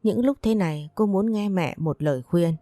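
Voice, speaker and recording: A woman narrating a romance story, reading the lines of every character in one steady voice. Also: medium pitch, moderate pace, dry recording. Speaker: audiobook narrator.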